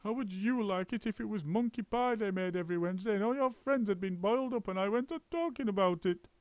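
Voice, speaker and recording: A man's voice: sits high, fast talker, a little mellow, no room sound, voice pushed up, natural voice. A man voicing a prim, fussy male bird who is easily upset. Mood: plaintive. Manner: prim, plaintive, polite.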